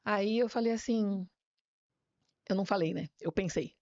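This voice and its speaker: A woman pastor telling her personal faith testimony as a guest, a lively storyteller who often ends phrases with a tag question. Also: mid-range voice, normal speed, no room sound, lo-fi sound.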